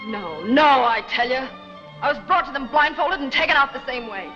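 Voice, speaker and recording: A woman's voice: high-pitched, moderate pace, bright, forceful tone. An actress playing a frightened young woman who poses as an heiress, talking nervously and pleading, in a 1940s film serial. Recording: dull 1940s film soundtrack with music.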